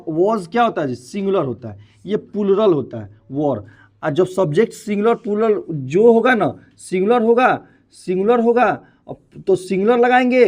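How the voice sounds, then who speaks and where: High-voiced man drilling a class. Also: darkish tone. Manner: drills students with repeated questions and answers. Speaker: English teacher. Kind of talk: classroom grammar lesson.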